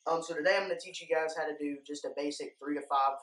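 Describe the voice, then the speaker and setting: A young man, a duck calling instructor hosting a video, talks viewers through a how-to in a casual, plain-spoken way, calling them "guys." His voice sits on the high side and is steady, quick, and a bit bright. He's in an indoor room lined with duck decoys, recorded on a distant mic in an echoey space.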